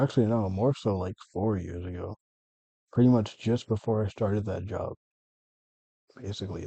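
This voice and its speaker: A man's voice: deep voice, dark tone, slightly rough, no room sound. A man talking through his feelings in a meandering personal monologue, often correcting himself and swearing. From United States. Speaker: vlogger.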